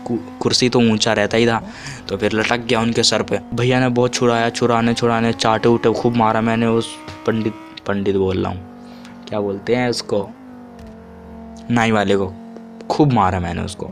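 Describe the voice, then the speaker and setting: A vlogger in his twenties casually tells rambling childhood stories over soft background music. He speaks in a level tone at a moderate pace, often restarts and corrects himself, and jumps to a sudden high pitch when acting out quotes.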